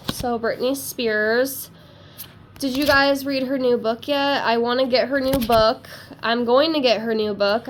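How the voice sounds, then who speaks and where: A tarot reader with a stuffy, congested voice from a cold chats casually while reading cards, rambling, talkative, and self-deprecating. Her voice is a little high, and there's a bit of hiss or hum in the clip.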